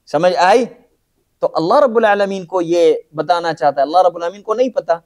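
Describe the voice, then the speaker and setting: A man's voice: sits high, darkish tone. A man teaching a lesson on Islamic jurisprudence, who poses rhetorical questions, answers them himself, and keeps checking that his students have understood. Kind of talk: classroom lecture on Islamic jurisprudence.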